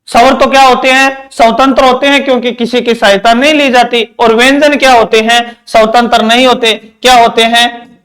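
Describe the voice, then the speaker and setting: This male teacher's voice sits at an extremely high pitch, steady and fairly bright, moving a little fast with few pauses. In his exam-prep grammar lecture he repeats points and poses questions only to answer them himself, a repetitive question-and-answer drill.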